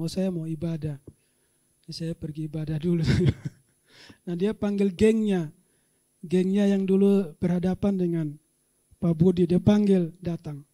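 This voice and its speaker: Guy preaching a sermon, real high voice but dark mellow tone, gets loud and laughs a lot. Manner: animated preaching, rising to loud shouts, with frequent laughter. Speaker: pastor.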